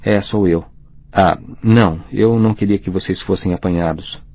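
A dreamy teenage girl speaks softly and calmly in a low, husky voice, as a man reads her. The recording is dry and a little dull. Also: normal speed, dry recording. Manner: soft, calm, quiet.

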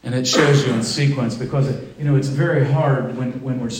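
A man's voice: medium pitch, steady tone, fairly quick, reverberant, distant mic, slight background noise, poor audio. A man preaching a sermon in a church, building to emphatic, fervent declarations. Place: church sanctuary.

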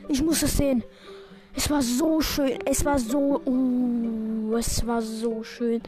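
A high-pitched woman talks through a video game match as it happens. Her play-by-play is excitable and self-mocking. Game music plays clearly underneath her voice. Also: slow pace. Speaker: gaming video creator. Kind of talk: live gameplay commentary.

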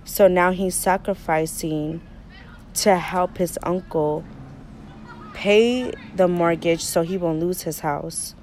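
A young woman leading a class discussion about a film, steady and posing questions to her partner. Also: lowish voice, slow pace, slight background noise. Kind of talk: discussion presentation.

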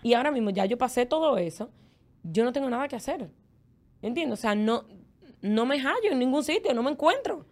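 Young dominican woman co-host, kinda high voice, rambly candid storytelling, lots of fillers. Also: animated, fairly quick. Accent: Dominican Spanish. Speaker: podcast co-host. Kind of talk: casual chat.

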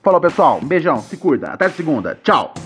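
A man's voice: very animated, fast, over loud music. A Brazilian man hosting a podcast, reading a listener's letter aloud and reacting in slangy, profane, playful chat. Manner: slangy, profane and playful, swinging pitch for comic effect. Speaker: podcast host.

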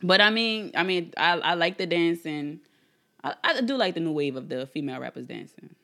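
Animated woman chatting, voice leaping around. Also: fairly low pitch, moderate pace. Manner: animated, laughs often, repeats herself. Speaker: podcast co-host. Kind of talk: casual chat.

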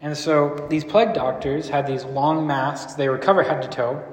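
A man's voice: fairly high pitch, fairly even intonation, normal speed. A man teaching a group in a casual, rambling way, often asking the room questions. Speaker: church speaker teaching a series. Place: large room with a live audience. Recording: echoey hall with long reverb.

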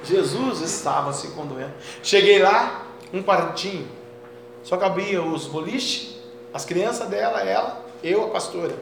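Pastor guy preaching, high voice, goes from low storytelling to loud fired-up, echoey church with a faint hum. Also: expressive, measured pace, gravelly. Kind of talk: sermon.

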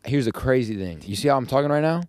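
On a dry recording, a young podcast host talks fast, casually spinning stories packed with slang. His storytelling is animated, and he jumps into high, mocking voices when quoting people.

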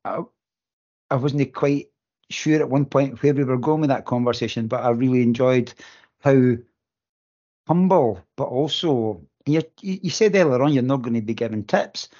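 A man's voice: medium pitch, moderate pace, mellow, lo-fi sound. A man hosting a casual podcast interview. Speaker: podcast host.

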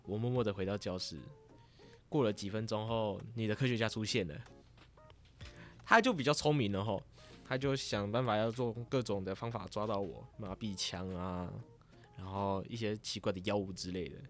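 A man casually retelling a dream in a rambling, lively way as a vlogger. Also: lowish voice, normal speed, faint music behind. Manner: rambling and lively, grows excited as the story goes on.

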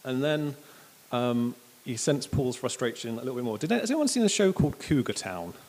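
A man preaching a sermon in a casual, chatty way, with jokes and animated asides. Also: mid-range voice, fairly quick, big-room sound.

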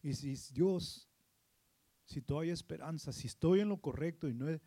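A man preaching as a pastor, mixing in English and building from quiet storytelling to loud preaching. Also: on the high side, moderate pace, no echo. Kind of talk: sermon.

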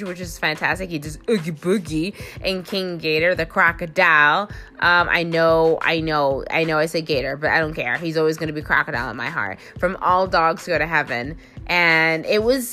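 A woman chatting casually through a convention recap, rambling with many fillers and restarts and bursting into excited quoted reactions. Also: fairly low pitch. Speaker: convention reviewer and interviewer.

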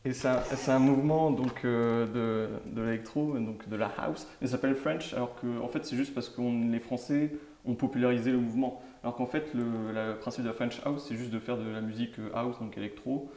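Un homme qui anime un podcast et explique, hésitant, avec beaucoup de « euh ». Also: male voice, medium pitch, steady tone, brisk, warm tone, roomy sound. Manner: hesitant explaining, many fillers. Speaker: podcast host. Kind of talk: casual podcast chat.

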